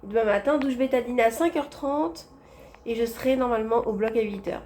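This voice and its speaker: A woman's voice: fairly high pitch, a little fast, darkish tone, slight background noise. A woman vlogging casually from a hospital room, chatting directly to her viewers on a handheld phone. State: tired after anesthesia. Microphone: phone held in hand.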